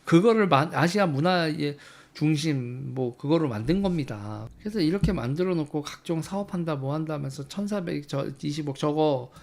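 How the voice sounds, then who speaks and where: A man's voice: a little high, animated, moderate pace, hardly any pauses, a little mellow. A man giving casual, blunt political commentary to his viewers. He swears in sudden heated bursts and thinks aloud while looking things up on screen.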